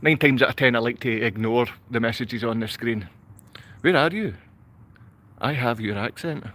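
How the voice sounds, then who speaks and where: A Glasgow man with a Glaswegian Scottish accent talks unscripted to livestream viewers, rambling and repeating himself with lots of rhetorical questions. His mid-range voice comes out pushed and bright at a moderate pace.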